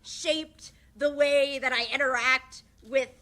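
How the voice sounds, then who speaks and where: Nervous, giggly young woman, bright voice. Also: high voice, fairly even intonation, slow. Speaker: graduating theatre student giving a farewell speech. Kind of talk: unscripted farewell speech.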